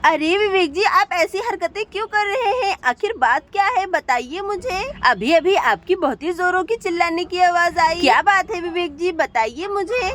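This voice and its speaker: A woman voicing a coaxing, very high-voiced cartoon wife. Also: animated, normal speed, hardly any pauses, a bit bright. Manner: coaxing and insistent. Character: caring, bossy young wife and mother. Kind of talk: doll cartoon voice acting.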